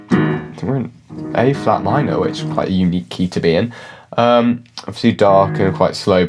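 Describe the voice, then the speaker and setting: A man, a classically trained musician, giving casual reaction commentary and musical analysis in a chatty, hedging way, often saying "like". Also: deep voice. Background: faint music from the reacted video.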